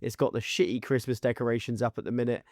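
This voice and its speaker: A man's voice: medium pitch, level tone, fast talker, darkish tone, dry recording, studio quality. A man trading casual podcast banter in a mocking, sweary way. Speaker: podcast panellist.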